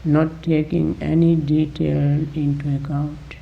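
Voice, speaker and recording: A gravelly-voiced man, pitched a little high with little pitch movement, instructs a guided meditation as the teacher. He speaks deliberately in short phrases separated by long pauses, and the recording is dull.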